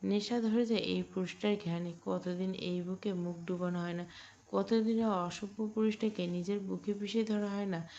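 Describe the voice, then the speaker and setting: A woman tells a romantic audio story in a calm, even voice with a gravelly edge. The recording sounds dull and lo-fi. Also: medium pitch, moderate pace. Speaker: narrator.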